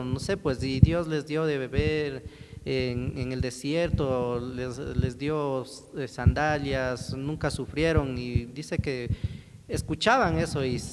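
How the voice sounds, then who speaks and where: A man, a lay preacher giving a conversational sermon in a church, talking straight to the congregation and often repeating himself. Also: mid-range voice. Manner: conversational, repetitive, addresses the congregation directly. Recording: echoey hall with steady background noise.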